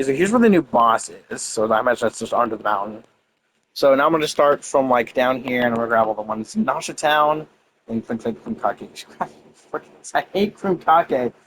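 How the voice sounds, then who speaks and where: A man casually rambling and thinking out loud as he plays a video game, swearing now and then. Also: medium pitch, noisy background. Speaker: gaming video creator. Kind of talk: casual gameplay commentary.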